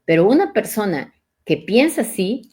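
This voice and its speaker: A woman's voice: medium pitch, very animated, moderate pace, warm tone, slightly rough. A woman hosting a live coaching talk, speaking reflectively and asking the listener questions. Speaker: neuro-coach host. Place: live online session.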